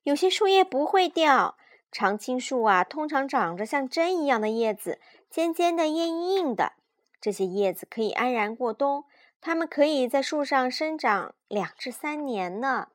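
A young mother reading a picture book aloud to her child at bedtime, patient and animated. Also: sits high, moderate pace. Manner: gentle, patient, animated storyteller.

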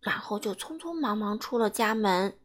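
A woman reading a children's picture story aloud in an expressive way. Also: mid-range voice. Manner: expressive, unhurried narration.

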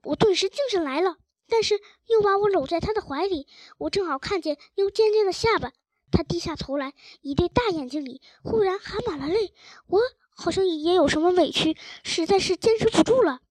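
Audiobook reader: a woman, very high voice, gentle expressive first-person narration. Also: brisk, no echo.

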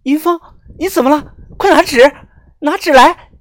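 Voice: high-pitched, moderate pace, pitched above the performer's own voice, close to an everyday voice. A narrator voicing a panicked young woman. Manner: panicked, pleading. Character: frightened young woman companion.

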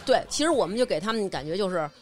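A woman with a Beijing accent telling a personal story in casual chat. She is animated and repeats herself as she goes. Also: medium pitch, rapid-fire. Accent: Beijing Mandarin.

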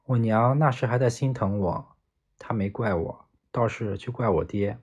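A man narrates a novel in the first person with a low, husky voice. His reading is steady and plain, like a calm audiobook narrator. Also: moderate pace.

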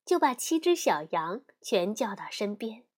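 A woman storyteller host narrating a fairy tale as a gentle bedtime story for children. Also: a little high, sing-song, unhurried. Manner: gentle, addresses child listener.

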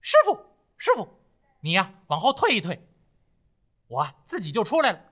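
A man voicing a mischievous, loud male monkey king with a high, shrill, shouting voice. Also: huge pitch swings, normal speed, heavily acted. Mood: eager.

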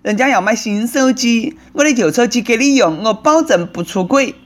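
A man's voice: very high-pitched, lively intonation, moderate pace, voice pushed up. A man putting on a coy, whiny young girlfriend. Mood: wheedling. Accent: Nanchong Sichuanese. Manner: wheedling, coy.

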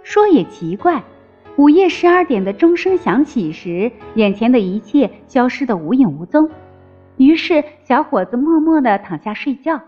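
A woman narrating a fairy tale in an expressive storytelling manner. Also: high voice, normal speed. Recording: slightly dull with faint music.

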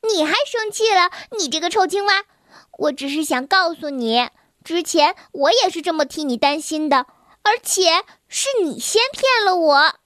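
A woman voicing a gentle, easily worried young male rabbit in a children's storybook, speaking in an anxious, earnest way. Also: very high voice, animated, normal speed, no echo, studio quality. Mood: teasing. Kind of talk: storybook reading.

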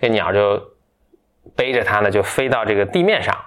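A man casually retelling a fairy tale to a friend, rambling with many fillers and self-corrections, playful and quick to get animated. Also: lowish voice. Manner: playful, gets animated and laughs. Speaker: storyteller.

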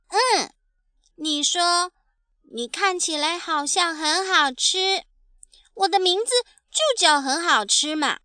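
A woman voicing a sweet, trusting baby ankylosaurus in a storybook, with a high, childlike, chirpy voice. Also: slow pace, pushed and bright, dry recording, studio quality, exaggerated voice. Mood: clinging.

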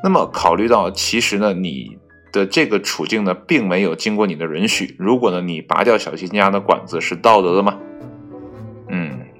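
Deep-voiced man reading aloud casually. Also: moderate pace, a bit bright, soft background music. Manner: stumbles on foreign names and corrects himself aloud; heavy use of filler particles between phrases. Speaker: reader of an online article. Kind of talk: casual read-aloud with chatty asides.

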